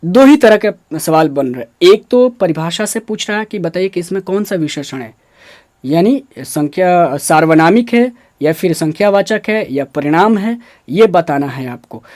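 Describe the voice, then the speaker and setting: A man's voice: high-pitched, animated, moderate pace, darkish tone, no room sound, clean studio sound. A man teaching Hindi grammar for an exam. He asks questions and answers them himself, repeats the key words, and stresses careful pronunciation. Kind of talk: exam-prep grammar lesson.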